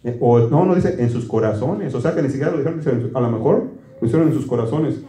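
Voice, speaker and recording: A man's voice: medium pitch, quick pace, warm tone, reverberant. A man preaching a conversational sermon, folksy and quizzing his congregation with questions. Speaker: pastor.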